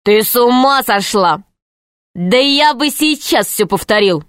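An eager, carefree boy talks brashly and keenly, as a woman reading a children's story voices him. The voice is fairly high, and the sound is dry and close. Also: expressive, measured pace, a bit bright, clean tone, dry recording.

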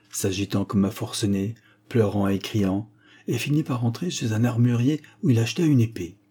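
A man narrating a classic story as an audiobook reader, measured and expressive. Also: lowish voice, slightly rough. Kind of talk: scripted narration.

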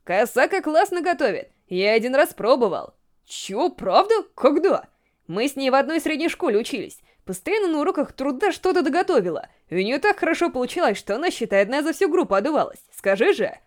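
A woman's voice: high voice, very animated, a little fast. A woman reading aloud, voicing a casual, pushy teenage boy classmate. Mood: boasting.

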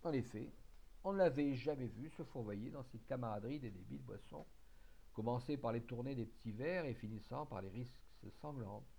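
Man reading a classic tale, mellow tone. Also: mid-range voice, a little fast, gravelly, breathy edge. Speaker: audiobook reader. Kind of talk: literary narration.

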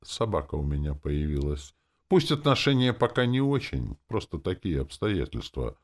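A man narrating a first-person audiobook in a wry, expressive way. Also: low-pitched, moderate pace. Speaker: audiobook reader.

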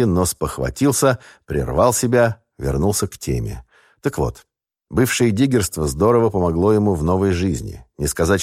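A man narrating an audiobook in a measured, wry first-person voice. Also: low voice, a little mellow, no room sound, clean studio sound.

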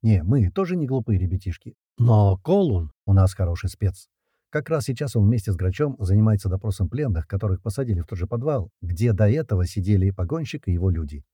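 A man's voice: fairly low pitch, big pitch swings, a little fast, warm tone, husky, dry recording, studio quality. A man narrating an audiobook in the first person, casual and slangy.

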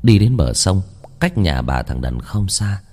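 A man reading a ghost story aloud in measured, dramatic storytelling. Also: low-pitched, sing-song, a little mellow. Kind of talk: scripted ghost-story narration.

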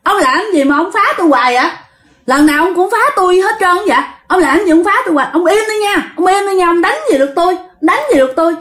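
A woman's voice: very high-pitched, lively intonation, fast talker, a bit bright, reverberant, voice pushed up. A woman voicing a defiant young male ghost who talks back rudely. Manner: defiant, insolent.

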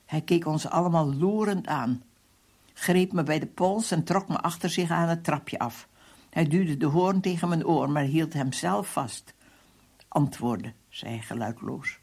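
Radio story reader, even and steady, taking it slow. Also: medium pitch. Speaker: reader of a book. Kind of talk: first-person story reading on radio.

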